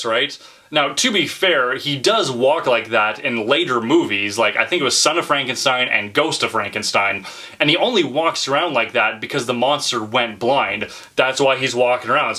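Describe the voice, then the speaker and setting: Man, horror video host, casual chatty talk, bright forceful tone, middle pitch. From Canada.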